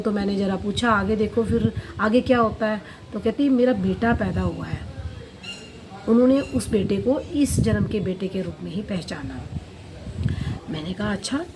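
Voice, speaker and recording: Woman, fairly high voice, past-life regression therapist, storytelling, quoting a client's session, faint hiss behind. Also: low-quality recording. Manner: storytelling, quotes client and herself in turns.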